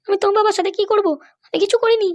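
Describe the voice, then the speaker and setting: Brief: a woman doing a meek cartoon wife, very high voice, quick pleading delivery. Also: little pitch movement. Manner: pleading, protesting innocence. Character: pleading, put-upon young wife. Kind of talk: cartoon voice acting.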